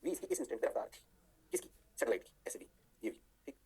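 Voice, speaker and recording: Fast-talking, lively physics teacher man. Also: medium pitch, gravelly, husky. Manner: lively, sing-song, answers his own questions. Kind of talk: online physics lecture.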